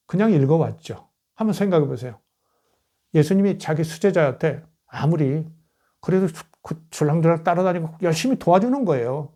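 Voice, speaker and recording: Man, middle-aged, lecture, mellow voice, fairly high pitch, conversational, rhetorical questions. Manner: conversational, rhetorical questions, quotes verses dramatically. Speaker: historian lecturer. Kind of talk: lecture on scripture history.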